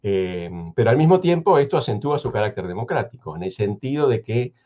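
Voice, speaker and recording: Measured Argentine man, slightly dull audio. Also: medium pitch, expressive, mellow. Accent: Argentine Spanish. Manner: measured, hesitant, many restarts. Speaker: guest historian. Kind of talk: thoughtful radio conversation.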